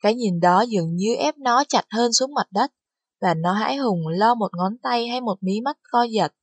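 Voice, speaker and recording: A woman narrating an audiobook with steady storytelling delivery. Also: a little high, moderate pace, slightly rough, dry recording. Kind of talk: scripted narration.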